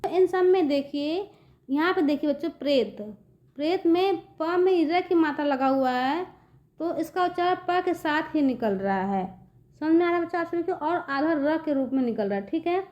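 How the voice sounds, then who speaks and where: A woman's voice: high voice, expressive, moderate pace, darkish tone, highs cut off. A woman teaching young children a reading lesson, speaking patiently and often checking whether they understand. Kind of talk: children's online Hindi lesson.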